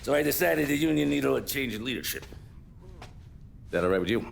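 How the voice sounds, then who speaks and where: An actor playing a smug, menacing rival mob boss who talks in a low-key, intimidating way. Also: male voice, expressive, a little fast, vocal fry, a little hiss or hum.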